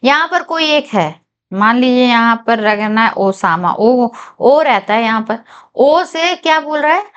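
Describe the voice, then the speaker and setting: Woman tutor, fairly high voice, unhurried and patient, works through puzzles at a board. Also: lively intonation, fairly bright tone, clear, resonant tone, highs cut off. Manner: slow, careful reading of English statements, checks in with viewers. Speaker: reasoning tutor for bank exams. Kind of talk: whiteboard lesson, Hindi mixed with English.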